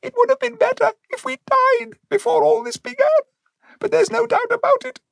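A man reading an audiobook, voicing timid, frightened little mice in a squeaky, tearful voice. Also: fairly even intonation, normal speed, gravelly, fairly bright tone, no echo, full character voice, rough recording. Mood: fearful, plaintive.

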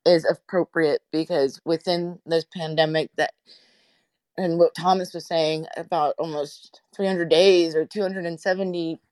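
A woman's voice: lowish voice, no echo. A woman therapist and radio host chatting in a live audio room, talking over her phone's speaker and rambling with many fillers. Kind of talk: casual live audio-room panel chat.

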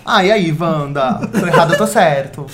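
High-voiced man on a podcast. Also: moderate pace, background noise. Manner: theatrical, mock-outraged ranting with laughter. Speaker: podcast guest. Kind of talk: casual podcast chat, reading a listener email aloud.

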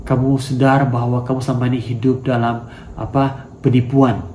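Mellow-voiced pastor preaching. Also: male voice, mid-range voice, flat delivery, moderate pace. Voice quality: emphatic rhetorical questions, switches into English. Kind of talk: sermon. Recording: echoey room with faint background noise.

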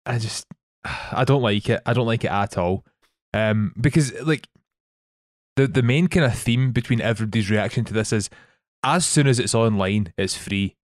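Scottish lad cohosting, deadpan dry jokes, lowish voice, no room sound. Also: male voice, normal speed, no echo. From Scotland. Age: young adult. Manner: deadpan, dry humor, repeats words when heated. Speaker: podcast co-host. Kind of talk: casual film podcast chat.

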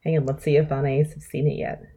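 A woman narrating her character's actions in a tabletop role-play, relaxed and giggly. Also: low-pitched, quick pace. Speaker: player.

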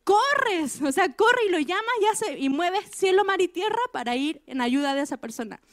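A woman preaching with a high voice. She puts direct questions to her listeners and drives points home by repeating phrases. The recording is close and dry. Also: expressive, moderate pace, a bit bright, no echo. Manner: emphatic, repeats key phrases. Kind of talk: sermon.

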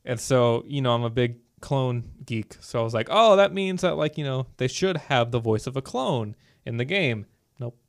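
A man co-hosting a casual podcast, talking fast and loose with lots of "like" and "you know". His voice sits in an ordinary middle pitch. The sound is dry and close, with no room around it. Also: dry recording. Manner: animated, filler-heavy geeky talk. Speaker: podcast co-host. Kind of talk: casual chat.

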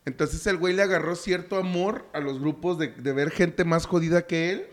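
Un hombre con acento mexicano que copresenta un programa de charla en tono de broma, con humor vulgar y risas frecuentes. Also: male voice, fairly high pitch, moderate pace. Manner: crude, joking, laughs often. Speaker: podcast co-host. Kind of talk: casual comedic banter.

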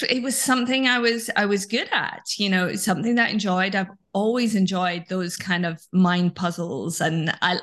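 A woman in her forties, a guest author on a video call interview, chatty and self-deprecating with frequent ums and light laughs. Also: lowish voice. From Scotland.

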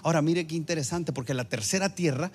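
A man's voice: on the high side, fast, faint music behind. A male pastor preaching a sermon, building emphatic phrases that surge and repeat.

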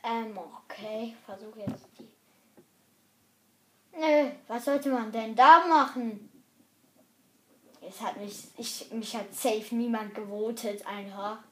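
Woman, German gameplay commentary, slow talker, slightly high voice, jumps between loud outbursts and whispers, faint noise behind. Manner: excitable, swearing, switching to whispers. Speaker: gamer.

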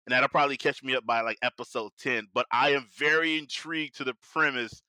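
A man's voice: medium pitch, steady tone, a little fast, sharp tone, dry recording, poor audio. A man hosting a podcast, chatting casually about anime in an informal, slangy, upbeat way. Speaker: podcast host.

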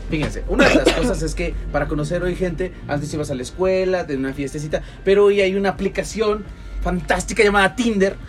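A man's voice: sits high, animated, a little fast, soft background music. A Mexican man hosting a casual podcast chat, joking and teasing his guests.

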